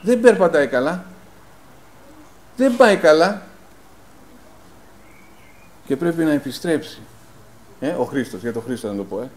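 A man preaching a sermon in a plain conversational tone, asking rhetorical questions, filling pauses with "eh" and calling the congregation brothers. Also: fairly high pitch, animated, low-quality recording. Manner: rhetorical questions answered himself, frequent "eh" fillers; personal anecdotes told in plain conversational tone. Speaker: lay preacher.

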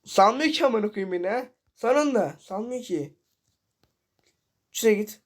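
A man's voice: high voice, expressive, moderate pace, slight background noise. A man giving casual commentary over a horror game, reading and translating the characters' lines aloud and swearing freely. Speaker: gaming channel host.

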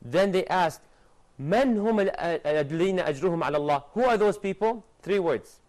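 Before an audience of studio guests, a young man with a high voice presents a religious lesson for television. He is lively and gestures as he quickly recites Arabic verses into a lapel mic.

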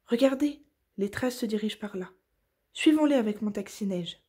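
A woman voicing an eager, cheerful little wooden toy boy in a children's storybook, high and excited. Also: normal speed, slightly rough.

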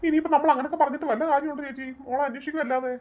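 A woman's voice: sits high, fairly even intonation, racing, darkish tone, lightly acted. A woman voicing an anxious father searching for his daughter in a cartoon, calling out and worried. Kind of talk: cartoon voice acting.

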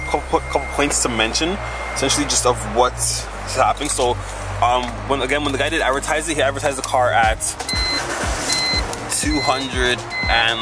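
Young man, quick rambling car vlog, arm's-length camera, garage echo, loud music behind. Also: mid-range voice. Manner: loose and rambling, many ums and restarts. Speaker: car vlogger. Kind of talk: casual vlog walkaround. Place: indoor parking garage. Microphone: handheld camera at arm's length.

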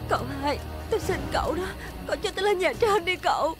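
A woman's voice: very high voice, expressive, fast. A meek young servant girl. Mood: pleading. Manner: begging, tearful pleading. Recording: music playing behind.

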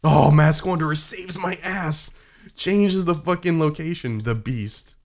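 A streamer giving live gameplay commentary, excitable, swearing constantly and breaking into laughter and yells. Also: mid-range voice, a little slow.

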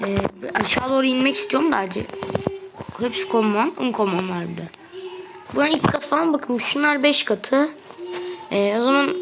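A young woman playing a mobile game and giving excitable, trash-talking commentary, playfully complaining as she goes. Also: a little high, noisy background. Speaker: gaming video host. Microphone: phone.

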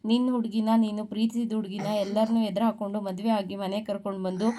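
A woman's voice: medium pitch, level tone, brisk, warm tone, a little hiss or hum, natural voice. A woman reading the lines of a young woman, a lovesick younger sister, in a pleading, insistent way.

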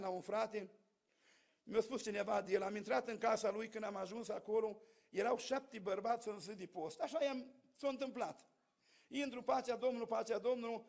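A man with a Romanian accent preaching a Pentecostal sermon in a church, telling a personal testimony and acting out the dialogue before rising to fervent exhortation. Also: extremely high pitch.

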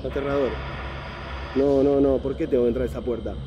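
A man's voice: mid-range voice, fairly even intonation, a little fast, lo-fi sound, noisy background. A young man with a Rioplatense Spanish accent giving jumpy, exclamatory let's play commentary to his viewers. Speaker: VR gaming YouTuber. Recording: voice over loud game music.

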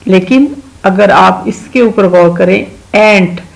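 A woman with a Pakistani accent teaches children at home, talking slowly and patiently. Her voice has a gravelly texture, and she draws out each example word so the sounds come through clearly. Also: mid-range voice, poor audio. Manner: patient, slow explaining, drawing out sounds in examples. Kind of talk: home-school lesson explaining English vowels to children.

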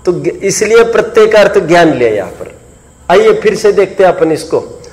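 High-voiced man teaching in an echoing hall. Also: sing-song, moderate pace, darkish tone. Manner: asks students questions, repeats points to check understanding; scolds students who do not follow. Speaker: teacher of Jain philosophy. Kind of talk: classroom lecture explaining a text. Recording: long reverb in a hall.

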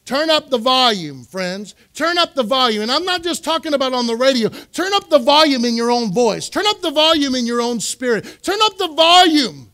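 A male pastor preaching a sermon in a church, repeating phrases for emphasis and swinging from quiet asides to loud exhortation. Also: extremely high pitch, very animated, normal speed, few pauses. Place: church sanctuary.

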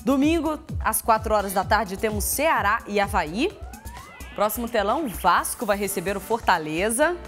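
A young woman with a Brazilian accent presenting a lively sports news segment in a TV studio. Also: mid-range voice, moderate pace, faint music behind. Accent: Brazilian Portuguese. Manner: lively, laughs along with co-host. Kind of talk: live TV sports segment, chatty.

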